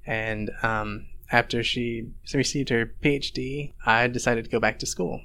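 A man in his thirties from Texas talks about his craft as an interview guest. He speaks in a relaxed, unhurried way, often pausing on ums. His mid-pitched voice carries a gravelly edge. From Fort Worth, Texas. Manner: relaxed, hesitant with many ums. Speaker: ceramic artist guest. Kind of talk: casual interview answers.

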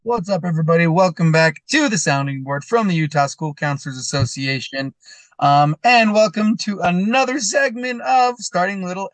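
A male podcast host who works as a school counselor chats casually from inside his van while traveling. His slightly high, fairly bright voice sounds tinny through a laptop's built-in mic with no echo, and he often restarts his sentences.

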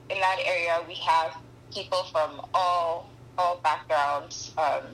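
A young woman who grew up in Ghana, a podcast guest speaking thoughtfully with frequent pauses and restarts. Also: on the low side, sharp tone, a little hiss or hum, low-quality recording. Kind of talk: conversational interview.

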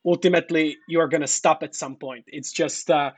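Fairly high, monotone man from Czechia. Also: moderate pace, breathy edge, no echo. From Czech Republic. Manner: relaxed, rambling, frequent fillers. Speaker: podcast guest. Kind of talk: casual interview talk.

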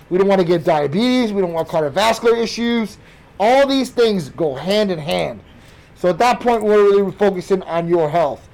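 An American man hosting an energetic talk show, speaking emphatically with his voice muffled by a face mask. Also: sits high. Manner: emphatic, repetitive, addresses listeners as guys. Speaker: podcast host.

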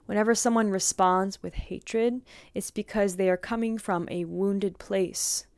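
A woman yoga teacher giving a calm, earnest spoken lesson. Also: mid-range voice, dry recording, clean studio sound.

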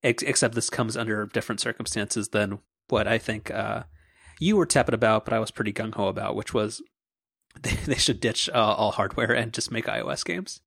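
A man co-hosting a podcast, talking in a wry, animated way with little laughs. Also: fairly low pitch, moderate pace, gravelly, dry recording, clean studio sound. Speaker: podcast co-host. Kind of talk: casual tech chat.

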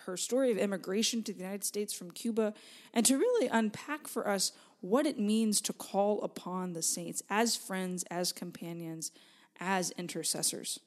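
A woman's voice: mid-range voice, normal speed. A woman hosting a podcast, introducing her guest and asking questions in an upbeat, conversational way. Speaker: podcast host.

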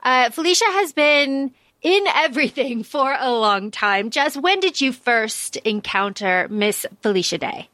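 A woman with a high, crisp and bright voice hosts a casual fandom podcast. She talks playfully and with emphasis. The recording is dry, with hardly any room sound. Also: expressive, measured pace, dry recording. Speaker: podcast host.

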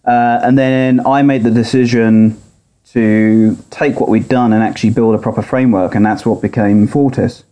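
A software architect appears as a podcast guest, and this man explains his technical work in a measured, conversational way. His voice is medium in pitch with a dark tone and fairly even intonation. The audio is poor because it comes through his laptop's built-in sound rather than a microphone.

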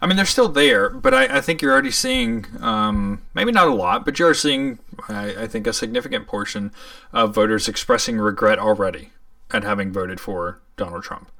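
Gravelly man, casual political talk. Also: moderate pace, no echo, far from the mic. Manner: conversational, many fillers, animated rises in pitch. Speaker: podcast co-host.

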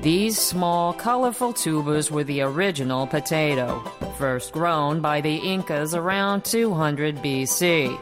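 A woman voicing a monotone museum food demonstrator in a cartoon, speaking in a flat, droning way over music. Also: deep voice, measured pace, few pauses. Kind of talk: cartoon voice acting. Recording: cartoon clip with music behind.

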